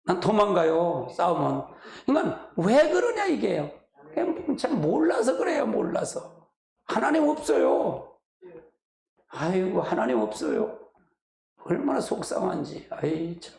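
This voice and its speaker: Gravelly male pastor preaching in an echoey church. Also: high-pitched, darkish tone. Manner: emotional, colloquial, sighing exclamations. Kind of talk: sermon. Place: church sanctuary.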